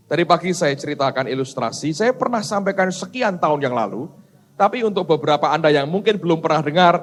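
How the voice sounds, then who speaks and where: A man preaches a sermon and tells his story with lively animation. His voice sits high and swings widely in pitch. He jokes and keeps turning to the congregation. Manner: animated, joking, addressing the congregation. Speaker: pastor.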